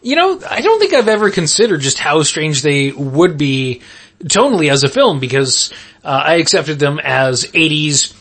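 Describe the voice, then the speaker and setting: A man's voice: on the high side, big pitch swings, moderate pace, fairly bright tone, slightly rough. A man hosting a podcast, talking in casual discussion. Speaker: podcast host.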